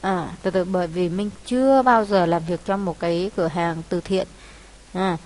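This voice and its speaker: A woman English teacher with a Vietnamese accent, working slowly through an exam and explaining each answer with many pauses. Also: lowish voice, darkish tone. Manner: unhurried, many hesitations, explains step by step. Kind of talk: exam walkthrough lesson. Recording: faint hiss.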